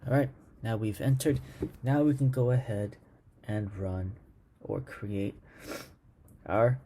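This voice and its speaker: Low, mellow man walking through code. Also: slow, a little hiss or hum. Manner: relaxed, thinks aloud, mutters commands while typing. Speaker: programming instructor. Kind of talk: screen-recorded coding tutorial.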